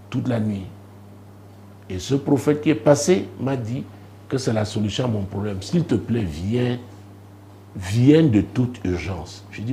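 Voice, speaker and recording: A man preaching a testimony on a broadcast show, telling a story with dramatic rises and hushed asides. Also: medium pitch, a little hiss or hum. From Cameroon. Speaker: apostle and preacher.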